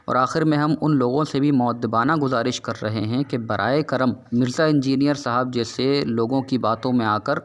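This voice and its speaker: A man's voice: mid-range voice, fairly even intonation, few pauses. Formal admonishing man narrating. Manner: formal, admonishing, addresses the other man directly. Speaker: narrator of a rebuttal video. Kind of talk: scripted commentary and rebuttal.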